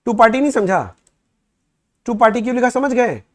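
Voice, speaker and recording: Chatty Hindi-speaking accounts teacher. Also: male voice, very high-pitched, lively intonation. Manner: conversational, reads questions aloud slowly and loudly. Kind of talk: classroom lecture.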